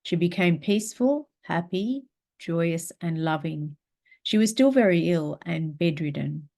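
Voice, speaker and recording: A woman teaching a spiritual class, guiding a meditation in a slow, calm, gentle way and reading aloud. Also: lowish voice, creaky.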